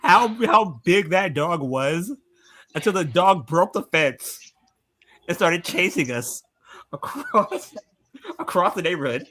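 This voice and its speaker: A man tells a childhood story in casual chat, full of fillers and excitement. His voice swings widely and sits a little high. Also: takes it slowly. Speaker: podcast co-host.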